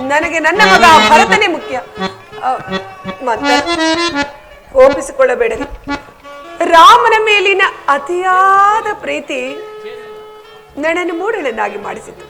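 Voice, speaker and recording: A proud royal mother, as a woman plays her declaims her lines in a village stage drama. The voice is very high and carries far, each phrase drawn out with feeling. Stage music plays behind her. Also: exaggerated voice. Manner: declamatory, emotional stage delivery. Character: proud, wavering young queen, mother. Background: stage music accompaniment.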